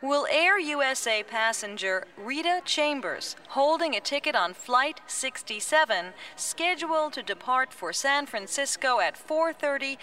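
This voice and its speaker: A woman's voice: high voice, bright, forceful tone, exaggerated voice. A woman voicing a formal airline announcer making a scripted airport announcement. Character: female airport gate announcer paging a passenger. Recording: distant mic, clear background noise.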